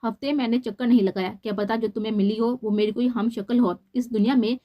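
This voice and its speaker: A woman's voice: medium pitch, fairly quick, highs cut off, close to an everyday voice. A woman reading the lines of a stubborn, innocent-faced young wife in a storybook novel, pleading as she denies.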